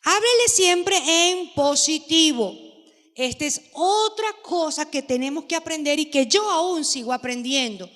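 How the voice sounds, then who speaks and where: High-voiced woman pastor preaching slowly. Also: expressive, fairly bright tone. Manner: emphatic, asks the audience questions. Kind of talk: sermon teaching parents. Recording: long hall reverb.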